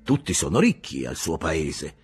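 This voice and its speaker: A man's voice: extremely low pitch, wildly swooping pitch, unhurried, faint music behind, voice pushed down, full character voice. A man voicing an eloquent, mildly ironic middle-aged Italian humanist in an audiobook reading, asking probing, emphatic questions.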